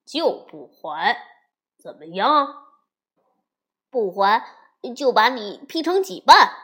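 A woman voicing a cocky, tall bully boy bear who taunts and sneers loudly in a storybook reading. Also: medium pitch, very animated, takes it slowly. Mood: sneering. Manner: sneering, mocking, loud.

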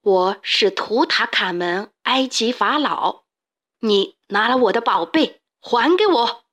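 A slow, commanding ghost pharaoh from a children's storybook, as a woman reader puts him on. His voice sits a little high and drags out each demand with cold anger. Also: expressive, a bit bright, heavily acted. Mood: stern. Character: angry ghostly male Egyptian pharaoh.

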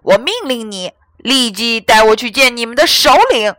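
A woman's voice: fairly high pitch, normal speed, a bit bright, dry recording, clean studio sound, faint music behind, natural voice. A woman voicing a rude, haughty man in a storybook reading, curt and scornful.

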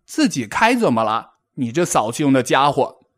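A man's voice: fairly high pitch, very animated, measured pace, pitched above the performer's own voice. A man voicing a cheeky young male frog in a storybook, teasing in a mocking, sing-song way. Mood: annoyed.

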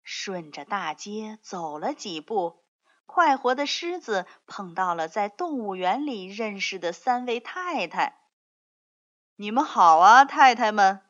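A woman reading a children's picture book aloud, telling the story slowly and expressively. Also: mid-range voice, sing-song. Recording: dull lo-fi recording.

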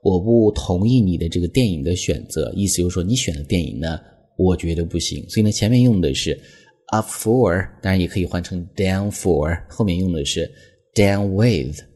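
A man teaching English phrases as a lesson, explaining patiently and reading example sentences slowly. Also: low voice, dark tone, slightly rough. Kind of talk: language lesson.

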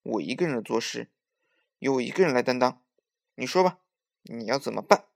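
A man's voice: mid-range voice, lively intonation, moderate pace, vocal fry. A man voicing a bold, hot-tempered young boy hero in a children's story, talking in a defiant, brash way.

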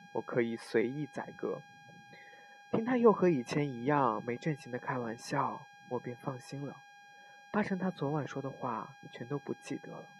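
A man calmly reading a first-person forum story aloud, with the odd slip and self-correction. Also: mid-range voice, slight background noise, rough recording. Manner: calm, unhurried reading with small slips and self-corrections.

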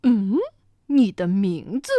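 T-rex voiced by a woman: gruff, loud, big-hearted dino, slow and dramatic, dry close sound. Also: medium pitch, animated, no echo, voice pushed down. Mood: flustered. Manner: loud gruff growling delivery. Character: big hungry male tyrannosaurus, gruff yet soft-hearted. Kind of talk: storytelling performance.

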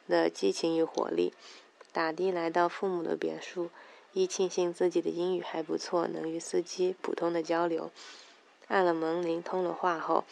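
A woman's voice: lowish voice, gravelly, a little mellow. A woman casually reading a novel aloud, with crude asides of her own. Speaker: reader.

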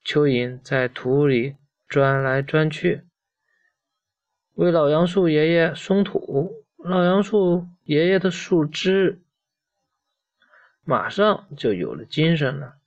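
A man slowly reading a children's story aloud to a child, in a gentle storytelling manner. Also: fairly high pitch, dry recording, muffled recording.

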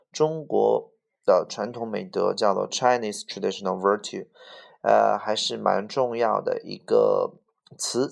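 A man's voice: lowish voice, vocal fry. A man teaching a vocabulary lesson, going word by word and repeating each English word with pronunciation. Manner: explains word by word, repeats English words with Chinese fillers.

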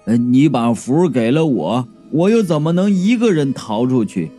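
A man voicing the ghost of a devoted older brother, who talks slowly and earnestly and hesitates often. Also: mid-range voice, big pitch swings, warm tone, soft background music, voice pushed down, lightly acted. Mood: earnest, pleading. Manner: slow, earnest, hesitant with many "uh"s.

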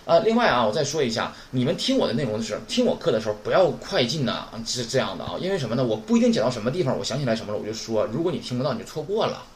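A man teaching a recorded Japanese lesson. He keeps asking rhetorical questions and models pronunciation slowly and clearly. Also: mid-range voice, very animated. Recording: roomy with faint background noise.

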